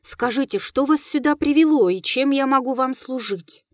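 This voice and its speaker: A woman's voice: high voice, normal speed, dry recording, studio quality, pitched above the performer's own voice, close to an everyday voice. Woman reading a startled young nobleman. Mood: alarmed. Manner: earnest, alarmed.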